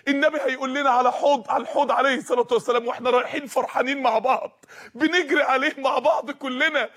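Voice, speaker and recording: A man's voice: very high-pitched, steady tone, very fast, a bit bright. A man with an Egyptian accent preaching an impassioned sermon, appealing to his listeners with repeated questions and a voice often close to tears. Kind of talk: emotional storytelling sermon.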